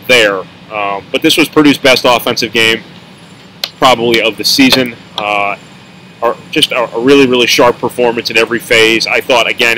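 A man's voice: medium pitch, bright, forceful tone, slight background noise, low-quality recording. A male sports reporter giving a rambling post-game analysis with dry asides, talking around a mint in his mouth.

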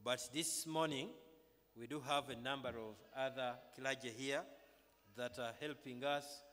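Standing at the pulpit of a large, brick-walled chapel, a middle-aged Ugandan-accented clergyman welcomes the congregation and reads church announcements, measured and halting yet emphatic. His voice is medium in pitch, fairly even in intonation and a bit bright. He speaks through a face mask into a stand microphone, and the PA carries it through a reverberant hall.

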